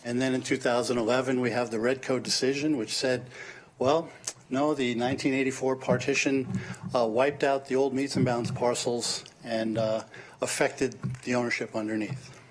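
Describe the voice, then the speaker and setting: A man giving formal testimony at a county hearing, measured and hesitant with frequent fillers, heard through a hearing-room recording at the podium microphone. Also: mid-range voice, little pitch movement, rough recording. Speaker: land use consultant testifying at hearing.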